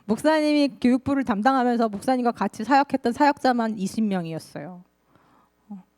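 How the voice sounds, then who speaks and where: A woman pastor preaching to young people, telling a personal story in a lively, colloquial way. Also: a little high, a little fast. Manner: lively, confessional storytelling, colloquial, laughs often.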